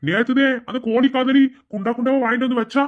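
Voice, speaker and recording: A woman's voice: a little high, fairly even intonation, quick pace, natural voice. A woman playing a doting father-in-law, Madurai accent, sing-song, affectionate, muffled recording. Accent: Madurai Tamil.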